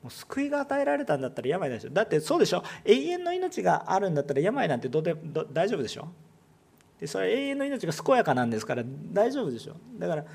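A male pastor with a Kansai accent preaching a sermon, swinging between loud emphatic lines and hushed ones and putting rhetorical questions to the congregation. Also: high-pitched, wildly swooping pitch, very fast, vocal fry, husky. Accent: Kansai Japanese.

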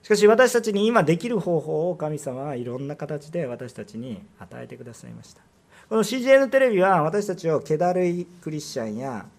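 A man preaching a sermon as pastor, his voice sitting a little high for a man. He presses his points with rhetorical questions and pushes his emphasis upward when a line matters. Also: a little mellow.

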